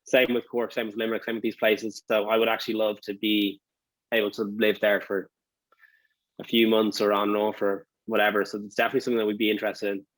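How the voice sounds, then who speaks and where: A man's voice: on the low side, level tone, fast talker, dry recording, low-quality recording. A man with a Dublin accent giving casual interview answers, rambling as he thinks aloud. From Dublin, Ireland. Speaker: interview guest, restaurant owner.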